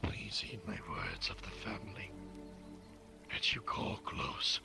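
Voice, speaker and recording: A man playing a grieving, solemn man giving a halting farewell speech in an online role-play, his voice gravelly and breathy. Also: lowish voice, steady tone, whispered, full character voice. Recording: loud music over the voice.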